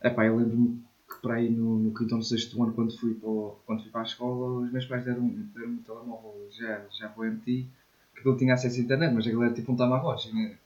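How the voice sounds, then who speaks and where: A man's voice: mid-range voice, level tone, fast, a little mellow, dull audio. A man in his twenties with a European Portuguese accent, chatting casually and informally with slang and swearing as a podcast co-host. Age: 20s. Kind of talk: casual chat.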